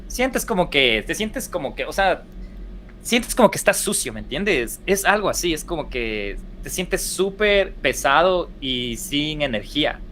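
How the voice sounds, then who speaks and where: A man's voice: fairly high pitch, very animated, a little slow, bright, forceful tone, a little hiss or hum. Rambling young Ecuadorian man. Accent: Ecuadorian Spanish. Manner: rambling, frequent restarts and fillers. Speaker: podcast guest. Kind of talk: casual storytelling in conversation.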